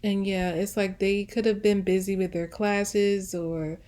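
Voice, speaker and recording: In a mellow, medium-pitched voice with a level tone, a female tarot reader hosting the session talks a little slowly. Her pick-a-card reading is intuitive and casual, and she keeps returning to rephrase what she means.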